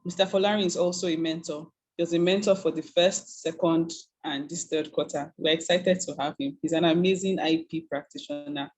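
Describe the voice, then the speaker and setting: A woman's voice: fairly low pitch, darkish tone, low-quality recording. A woman, courteously moderating an online meeting and calling on presenters. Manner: courteous, directive. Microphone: video call.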